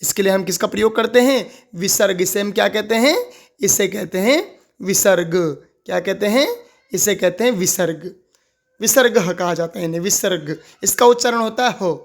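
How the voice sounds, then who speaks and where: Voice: medium pitch, moderate pace. A teacher explaining a grammar lesson, asking questions aloud and answering them, repeating each key word several times. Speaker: Sanskrit teacher.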